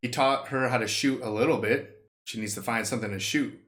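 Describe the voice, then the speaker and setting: A man's voice: mid-range voice, fairly quick, background noise. A man with a cold, congested and nasal, hosting a casual reaction video and chatting eagerly. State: sick, congested. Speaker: reaction channel host.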